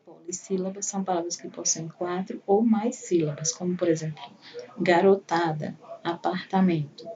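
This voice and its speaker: A woman teacher explains a school lesson to children patiently, walking through examples step by step. Her voice sits a little low and sounds mellow, never sharp. She is picked up from a little way off the mic, with a faint hum in the room. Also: fairly even intonation, a little fast, few pauses, muffled recording. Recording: voice a bit far from the mic, faint room noise.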